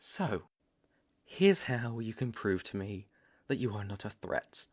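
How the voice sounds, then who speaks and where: A British man performs an ASMR roleplay as a stern young vampire hunter who is menacing yet reluctantly protective. His lowish voice is very animated, broken by deliberate pauses and sighs, and he comes across cold and threatening.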